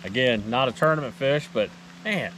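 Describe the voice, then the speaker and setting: This middle-aged American fishing vlogger and tournament angler sounds animated and a bit bright, with a medium pitch and moderate pace, as he rambles folksily to the camera while fishing. He's outdoors in a small boat on a lake. The audio is poor, typical action-camera sound swamped by ambient noise.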